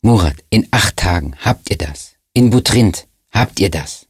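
A man voicing a tense male undercover informant who talks in a hurried, urgent, clipped way, in an audiobook reading. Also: low voice, lively intonation, husky, no room sound, clean studio sound, exaggerated voice.

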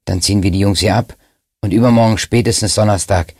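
A commanding police chief lays out the plan in firm, brisk orders, read by a man. His voice is low and husky, and the audiobook sound is dry and close. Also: fairly even intonation, darkish tone, no room sound. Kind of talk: audiobook reading.

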